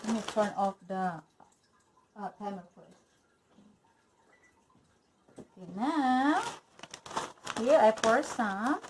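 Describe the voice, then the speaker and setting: This cooking vlogger from the Philippines talks her way through a recipe in a home kitchen, explaining every step in a Filipino accent and dropping frequent "okay"s. She speaks slowly in a high-leaning, animated voice, with long pauses, over a noisy background.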